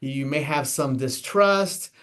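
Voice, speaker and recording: In an interview, an American man serving as a guest elections official explains the steps of voting, earnest and emphatic, often repeating and restarting phrases. His voice is medium-pitched and a bit bright, and his pace is slow.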